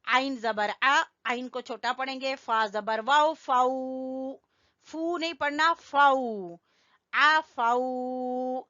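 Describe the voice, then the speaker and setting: A woman teaching Quran recitation, drilling syllables slowly and patiently. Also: high voice, pushed and bright, dry recording, highs cut off. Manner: patient, repeats syllables slowly, often says "theek hai". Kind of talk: slow, drilled tajweed lesson.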